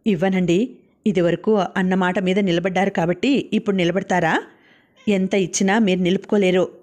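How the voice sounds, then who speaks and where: A woman's voice: mid-range voice, fairly even intonation, normal speed, a little mellow, lightly acted. A woman reading the part of an ailing young wife who stubbornly refuses her husband. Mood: defiant.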